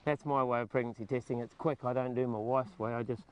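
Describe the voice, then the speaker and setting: A man with a New Zealand accent, a farmer answering informally and plainly, a little haltingly. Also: mid-range voice, fairly even intonation. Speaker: dairy farmer being interviewed.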